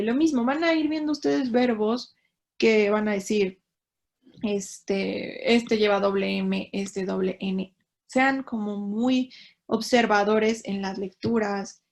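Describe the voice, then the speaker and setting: A woman with a Mexican Spanish accent, an English teacher explaining grammar step by step in an online class, pausing to check that students follow. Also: a little high, vocal fry, a little mellow. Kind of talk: online class, reading and explaining in two languages.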